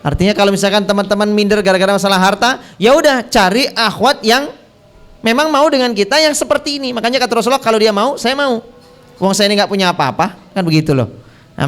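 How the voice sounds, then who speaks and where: A man giving a religious talk, explaining a lesson and asking his listeners if they follow. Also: sits high. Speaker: preacher.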